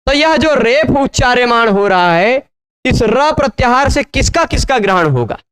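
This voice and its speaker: A man teaching grammar in a slow classroom lecture, spelling out syllables and often checking that students follow. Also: very high-pitched, very animated, fairly bright tone, a little hiss or hum. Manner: patient, repeats syllables and checks understanding often.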